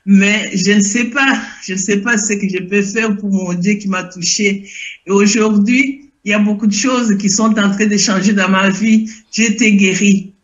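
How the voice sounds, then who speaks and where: A woman's voice: mid-range voice, fairly even intonation, normal speed, muffled recording. An older woman giving an emotional spoken testimony, hesitant and repeating herself as she searches for words. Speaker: testifying church member. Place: lives in Belgium.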